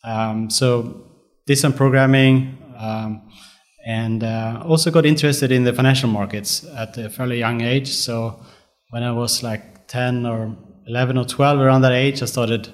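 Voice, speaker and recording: Swedish-raised man, measured guest. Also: medium pitch, fairly even intonation. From Sweden. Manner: measured, many ums and pauses. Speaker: guest fund manager. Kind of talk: interview answers.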